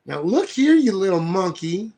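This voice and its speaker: Guy doing a mean southern lady, shrill and snarly, voice cracks high, gravelly edge. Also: sing-song, normal speed, darkish tone. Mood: sneering. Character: angry foul-mouthed Southern woman, middle-aged.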